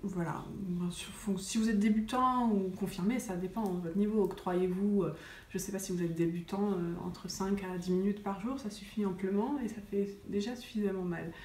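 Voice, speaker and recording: A woman's voice: mid-range voice, steady tone, moderate pace, a little mellow. A woman vlogging about wellness in a casual chat to the camera, chatty and full of hesitations. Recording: roomy sound with faint noise.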